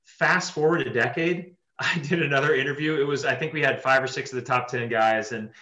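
A man, a tournament director, telling stories in an interview with lots of fillers and animated asides. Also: mid-range voice, fairly quick, echoey room. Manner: chatty, animated storytelling with fillers. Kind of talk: interview soundbites.

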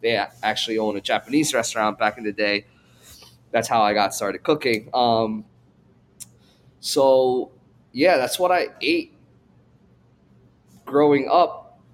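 A man's voice: mid-range voice, unhurried, long pauses. A man from Korea, raised in New York, talking as a chef guest on a podcast in a thoughtful, rambling way. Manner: thoughtful, rambling, many fillers and restarts. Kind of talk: casual interview.

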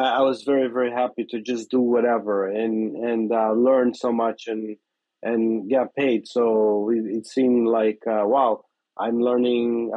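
A man in his fifties with a Brazilian Portuguese accent speaks in a casual interview, feeling his way through his answers with plenty of fillers and repeated words. His voice sits at a middle pitch. The sound is dry and slightly dull, with no room around it. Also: no room sound. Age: 50s. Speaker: chef and restaurant owner, guest.

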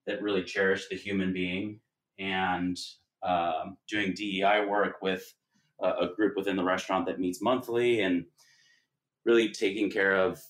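A man, a restaurant partner, talking in an interview in an earnest, measured way. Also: deep voice. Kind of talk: casual interview talk.

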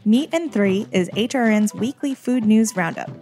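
A woman's voice: mid-range voice, expressive, moderate pace, mellow, soft background music. A woman, an executive director, reading a scripted promo for a podcast.

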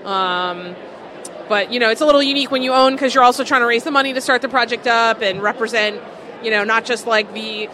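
A woman co-owner of a distillery gives a casual interview in a pushed, bright, somewhat high voice, talking a little fast. Fillers like "um" and "like" pepper her chatty answers, and the busy food market behind her is noisy.

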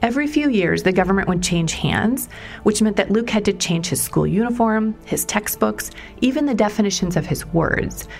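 A woman reporter narrating a documentary story in a measured storytelling way, sometimes stressing questions. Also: medium pitch, animated, vocal fry. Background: music underneath.

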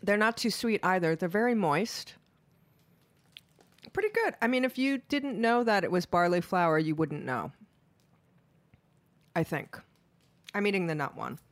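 A woman's voice: fairly low pitch, expressive, normal speed, pauses often, no room sound. Woman hosting a radio food show, casual and jokey, dry studio sound. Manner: chatty, jokey, talks while eating.

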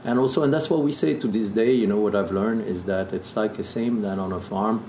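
On the low side and darkish in tone, the voice moves a little fast. It's a French distiller in his fifties, from southern Burgundy, speaking accented English as he tells stories in a casual interview, with echo and background noise in the recording.

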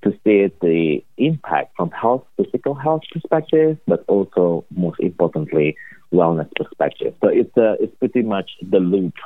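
An animated, low-pitched Indonesian company executive talks at normal speed, giving upbeat, earnest interview answers packed with fillers. The recording is dry and has the thin sound of a phone line.

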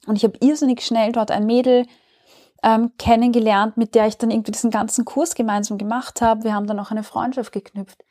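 A woman's voice: on the high side, level tone, fairly quick, dark tone. A woman telling a personal story in conversation, candid and emotional, often restarting her sentences.

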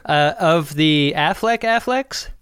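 Man, podcast co-host, slightly high voice, dry close recording, wry amused reactions. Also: animated, slow, a bit bright, clear, resonant tone, no room sound. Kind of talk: casual chat recapping a TV episode.

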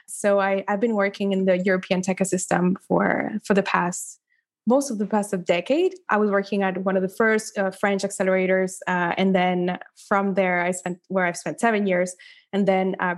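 A woman from the Dominican Republic, a guest in a casual podcast chat, self-deprecating and a bit halting, laughing at herself. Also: mid-range voice.

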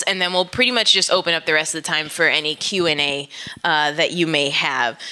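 Bright clear-voiced woman moderating a panel. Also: on the low side. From born in the Philippines, raised in Orlando. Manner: friendly, relaxed, with fillers. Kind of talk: casual panel introduction.

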